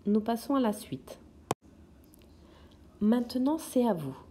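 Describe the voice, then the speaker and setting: A woman's voice: fairly high pitch, big pitch swings, slow pace, warm tone, slight background noise. A woman teaching young children in a recorded lesson, patiently sounding out words syllable by syllable. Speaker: kindergarten teacher.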